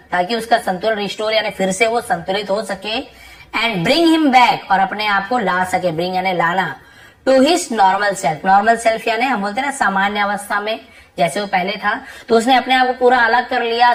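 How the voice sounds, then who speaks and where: A woman English tutor explaining a passage word by word, reading each English phrase slowly and then going over it patiently and repetitively. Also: mid-range voice, rough recording. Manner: patient, repetitive teacher talk with frequent checks like "ठीक है".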